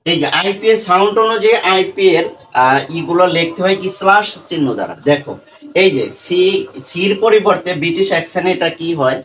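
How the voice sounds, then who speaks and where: In his pronunciation lesson, a man fires off questions to the class and answers each one himself, sprinkling in "right?" and "dekho." He speaks fairly quickly and expressively in a high-pitched, fairly bright voice, recorded a bit distantly with faint background noise.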